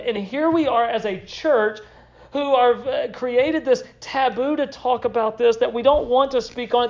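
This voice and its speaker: A man's voice: very high voice, highs cut off. A young man preaching a sermon as pastor, earnest and emphatic, repeating short phrases for weight.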